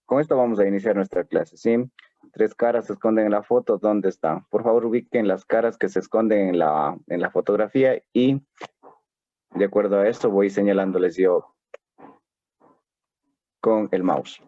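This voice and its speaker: A man's voice: lowish voice, moderate pace, warm tone, no echo, muffled recording. A male English teacher with an Ecuadorian Spanish accent, leading an online class and drilling grammar patiently with check-in questions. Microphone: computer mic on video call.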